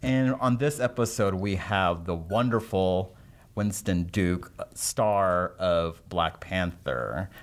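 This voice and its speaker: A man's voice: deep voice, takes it slowly. A man hosting a podcast, introducing the episode and guest in a loose way with many fillers. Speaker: podcast host.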